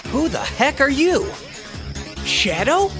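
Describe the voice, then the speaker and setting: A breezy young hedgehog hero from a video game. He is cocky and impatient, tossing off slang with very lively swings in pitch, over a music bed. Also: slow pace, exaggerated voice. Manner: flippant, casual slang. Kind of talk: video game cutscene acting.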